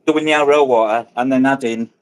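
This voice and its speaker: A man's voice: medium pitch, steady tone, a little fast, clean tone. Eager man on a phone call. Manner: enthusiastic, stumbling restarts. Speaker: co-host, shrimp keeper. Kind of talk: casual live-stream chat. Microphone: new phone on a video call.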